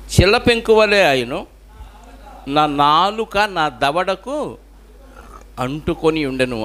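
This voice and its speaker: A man's voice: sits high, fairly bright tone. A male pastor with a Telugu accent preaching a sermon, often asking the congregation questions.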